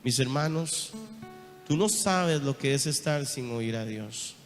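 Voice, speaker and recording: A man with a Costa Rican accent preaching a sermon, telling his testimony with strong emotion, moving from hushed speech to loud cries. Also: mid-range voice, animated, slow. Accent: Costa Rican Spanish. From Costa Rica. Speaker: apostle preaching. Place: large church hall. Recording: reverberant church hall. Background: soft guitar music.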